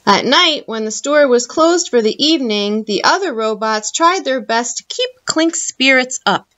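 A woman reading a picture book aloud for library storytime, with an expressive, lively delivery, heard through muffled lo-fi audio. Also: sits high, unhurried.

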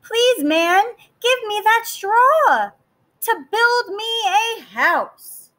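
A woman voicing a small, timid male pig in a children's story, speaking in a high, polite, pleading way. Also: big pitch swings, very slow, pushed and bright, heavily acted.

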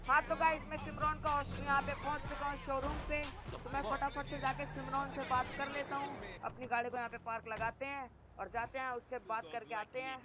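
A man's voice: very high voice, a little fast, music in the background, low-quality recording. Chatty young man commentating gameplay. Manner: chatty, says "guys" constantly, excitable. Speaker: gaming YouTuber.

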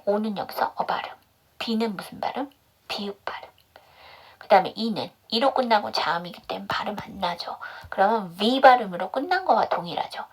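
A woman's voice: mid-range voice, expressive, normal speed, slightly rough. A woman teaching English pronunciation in an online class, drilling step by step by asking questions and answering them herself. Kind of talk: online phonics lesson.

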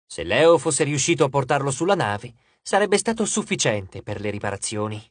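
A man narrating an audiobook chapter with expressive, measured storytelling. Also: medium pitch, dry recording, studio quality. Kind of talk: scripted narration.

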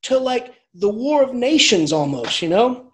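A man lecturing as an English professor in an informal, animated way, often restarting sentences and chuckling through his asides. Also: extremely high pitch, measured pace.

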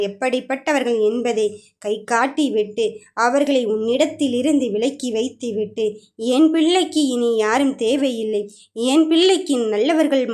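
A loving divine father, Murugan in a devotional message, tender and reassuring, spoken by a woman. The voice sits a little high. The delivery is emphatic yet gentle, full of comfort. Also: close to an everyday voice. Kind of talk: devotional first-person message.

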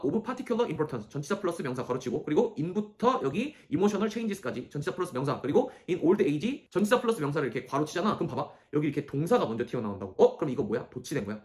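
A man teaching English reading, walking through a passage and often checking whether students follow. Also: on the high side. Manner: quick, emphatic, keeps checking understanding with "okay?"; asks and answers his own questions. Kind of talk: lecture explaining an English passage.

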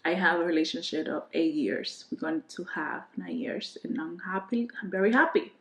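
A gravelly, lowish voice belongs to a beauty vlogger in her twenties from the Dominican Republic, whose native language is Spanish and whose accent is Dominican. At a moderate pace she chats through questions to camera in her bedroom, rambling, restarting trailing thoughts and moving her hands. The room sounds roomy.

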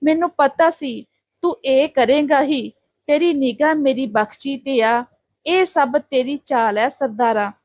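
A woman's voice: high-pitched, a little slow, a little mellow, no room sound. A woman voicing a fierce, protective adoptive mother who defiantly refuses.

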